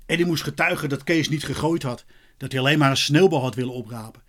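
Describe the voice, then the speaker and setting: A man narrating a children's story as an expressive, lively audiobook reading. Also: mid-range voice, fast talker.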